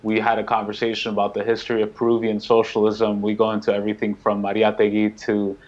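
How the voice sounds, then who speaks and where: A man of about thirty from New York speaks as an interview guest, earnest and quick in his explanations. His voice sits low and stays level, with little rise and fall. The sound comes through a slightly muffled remote call. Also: monotone, darkish tone. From New York, United States. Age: around 30. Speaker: guest, co-founder of a media collective. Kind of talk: casual interview talk.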